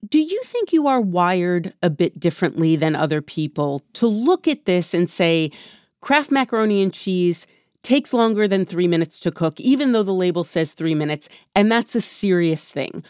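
A woman interviews a guest with a lively, swinging pitch and asks curious, probing questions. Her voice is dry and close to the mic. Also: moderate pace, no echo. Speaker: podcast host.

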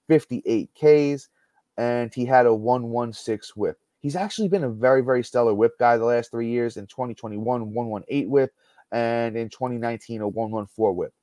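A man's voice: medium pitch, warm tone, no room sound. A man hosting a casual sports podcast from home over a call, chatty and heavy on stats, full of fillers and restarts. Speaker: podcast host.

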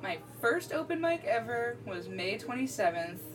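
A woman's voice: a little high, sing-song, normal speed, recorded from a distance, over music. A woman chatting as a new comedian on a podcast, crude and self-deprecating. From Boston area. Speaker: guest comedian. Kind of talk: casual chat.

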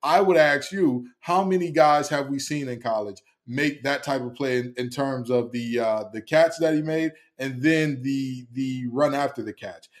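A man's voice: medium pitch, normal speed, few pauses. Emphatic man breaking down a football matchup. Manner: emphatic, repeats phrases, frequent fillers. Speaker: sports analyst host. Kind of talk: solo sports preview commentary.

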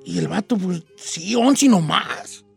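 A man's voice: high-pitched, lively intonation, slow, creaky, husky, soft background music, exaggerated voice. A man with a Mexican accent playing a folksy old rancher who hosts a radio show and tells a rambling, slangy joke, acting out voices and axe sounds. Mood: playful.

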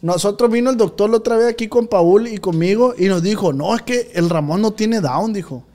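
A man's voice: high-pitched, brisk, a little mellow. A man with a Sinaloa Mexican accent hosting a casual chat, prodding with teasing, slangy questions. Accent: Sinaloa Mexican Spanish. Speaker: host.

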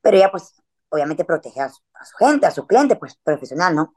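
A woman's voice: low-pitched, big pitch swings, fairly quick, darkish tone. A woman, chatting casually as a podcast guest and telling a story in a slangy way, with frequent filler words.

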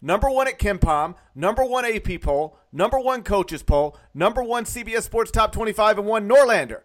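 A man hosts a sports podcast with a North Mississippi accent. His voice sits a bit high for a man, and he talks through the games as conversational commentary. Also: lively intonation, moderate pace. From Mississippi, United States.

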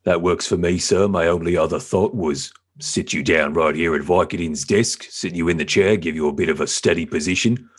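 Husky deep-voiced deferential male player. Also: moderate pace, few pauses. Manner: deferential, says "sir" often. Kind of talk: in-character tabletop play.

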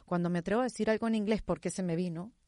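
Venezuelan woman doing an interview, chatty and colloquial, medium pitch, close dry sound. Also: very fast, warm tone, dry recording. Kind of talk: conversational interview.

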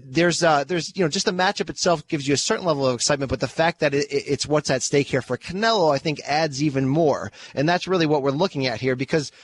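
Energetic man breaking down a fight. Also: fairly high pitch, fast, hardly any pauses. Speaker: podcast co-host. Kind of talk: casual sports chat.

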